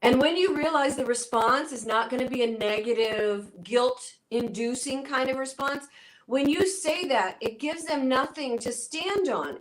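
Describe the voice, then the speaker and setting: A woman's voice: a little high, rough recording. A middle-aged woman speaking as a guest on an interview show, acting out her inner dialogue in quoted voices as she explains. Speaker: guest, spiritual healer and coach. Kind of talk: conversational interview.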